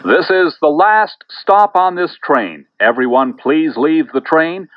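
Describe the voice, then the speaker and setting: A man's formal announcement over a train loudspeaker. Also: fairly high pitch, expressive, a little hiss or hum. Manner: formal, deliberate. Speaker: transit announcer. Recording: dull lo-fi loudspeaker sound.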